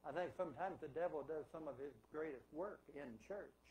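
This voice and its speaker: A man's voice: a little high, fairly quick, darkish tone, rough recording. A man preaching a sermon as pastor in a church, emphatic and asking rhetorical questions. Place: church sanctuary.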